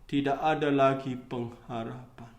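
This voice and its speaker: A man voicing a stern old patriarch who speaks slowly, gravely and firmly, in an echoey room. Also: medium pitch, steady tone, voice pushed down, natural voice. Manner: slow, grave and firm.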